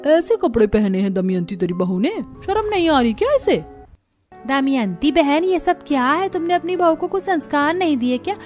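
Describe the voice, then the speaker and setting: A woman's voice: high voice, very animated, normal speed, a little mellow, soft background music. A woman voicing a nosy, traditional middle-aged female guest who scolds sharply in a cartoon story. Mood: scornful.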